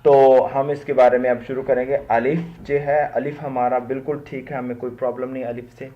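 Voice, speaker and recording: A man's voice: mid-range voice, level tone, highs cut off. A man from Pakistan, a Quran teacher, giving a spoken lesson on Arabic letter pronunciation, explaining and repeating each sound to demonstrate, with English words mixed in.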